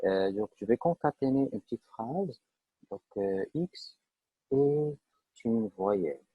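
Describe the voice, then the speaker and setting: A man's voice: medium pitch, expressive, slow, husky, dry recording. A man teaching a live online programming class, explaining step by step with frequent fillers and checks that students follow. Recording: dull lo-fi online class audio.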